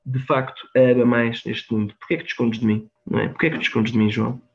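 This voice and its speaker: A man with a European Portuguese accent acting out a stern, stubborn father who reproaches his daughter's boyfriend in a low, slow voice. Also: steady tone, creaky, natural voice. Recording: dull lo-fi conference recording.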